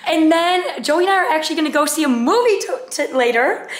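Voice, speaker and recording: Bubbly high-voiced woman vlogging. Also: expressive, a little fast, roomy sound. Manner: bubbly, chatty, full of "like" and "you guys". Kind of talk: casual vlog talking to camera.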